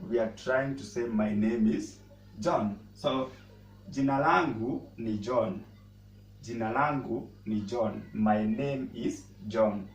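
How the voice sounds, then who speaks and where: A man who speaks natively, teaching a casual language lesson and pausing often to repeat words as he explains. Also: mid-range voice. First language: Swahili. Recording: roomy echo, mic at a distance, faint noise.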